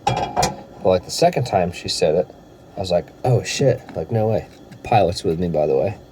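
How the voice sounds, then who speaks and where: A man's voice: low-pitched, normal speed, darkish tone, a little hiss or hum. A man chatting casually in a vlog, telling stories loosely with lots of filler words, indoors. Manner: laid-back storytelling with filler words. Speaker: vlogger.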